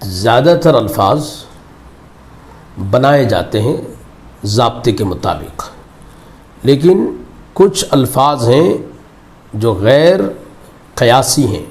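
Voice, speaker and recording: This man's mid-range voice has a sing-song, darkish quality; he talks slowly and pauses often. He's recording a slow vocabulary lesson on English verb forms, saying each word several times in formal Hindi with an Urdu flavour.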